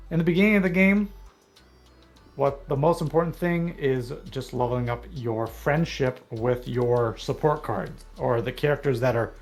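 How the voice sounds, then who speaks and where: A talkative man walks through a game's mechanics in a relaxed voice-chat conversation. He explains things step by step, chatty and easygoing, at an ordinary middle pitch. Faint music plays underneath. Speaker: guest co-player on a livestream. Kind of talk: casual gaming chat.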